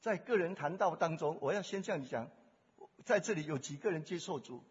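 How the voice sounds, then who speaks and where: A man preaching as a pastor, retelling a story and acting out the dialogue, swinging between loud and hushed. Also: a little high, animated, a little fast. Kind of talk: sermon with retold personal story. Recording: dull echoey hall recording.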